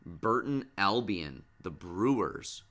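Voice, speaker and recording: Deep-voiced dad hosting a sports podcast. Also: male voice, big pitch swings, takes it slowly, fairly bright tone. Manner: patient, coaxing, asks lots of questions. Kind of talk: casual sports chat with his child.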